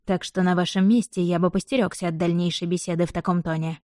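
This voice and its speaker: A woman voicing a stern aristocratic male count who speaks slowly, coldly and with clipped menace in an audiobook reading. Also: lowish voice, level tone, darkish tone, no echo, clean studio sound, lightly acted. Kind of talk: audiobook narration.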